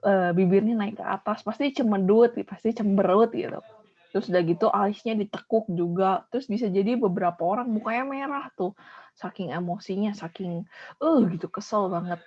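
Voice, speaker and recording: A woman school counselor guides a class discussion, encouraging the pupils and repeating their answers back to them. She speaks fairly quickly at a medium pitch, and the lo-fi recording sounds dull.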